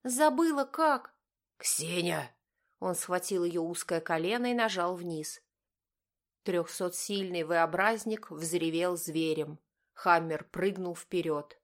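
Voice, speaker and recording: A woman reading a novel as a scripted audiobook narration, in a measured, even way. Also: fairly low pitch.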